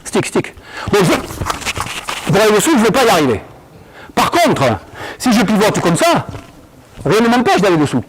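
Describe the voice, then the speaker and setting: A male basketball coach running an on-court session, explaining drills and barking quick commands at players. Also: high-pitched, very animated, breathy edge, rough recording.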